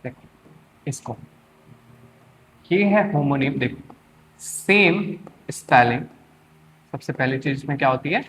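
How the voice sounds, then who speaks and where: A man's voice: medium pitch, lively intonation, slow, pauses often, a bit bright, slight background noise. A man teaching English for an exam, quizzing students with repeated questions. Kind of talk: exam-prep lecture.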